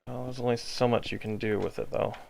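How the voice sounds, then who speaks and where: A man with a gravelly, middling-pitched voice talks through his video game in a casual, halting way. He sounds worn out and thinks aloud as he goes, with faint music playing behind him. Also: fairly even intonation, darkish tone, a little hiss or hum, low-quality recording. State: exhausted. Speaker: gaming video host. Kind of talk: casual gameplay commentary.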